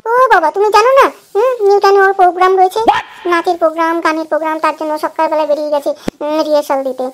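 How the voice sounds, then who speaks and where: A woman's voice: very high-pitched, fairly even intonation, very fast, slight background noise, pitched below the performer's own voice. A woman voicing a chirpy, bossy young goddess daughter in a cartoon, with an eager, nagging, chatty manner. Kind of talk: cartoon voice acting.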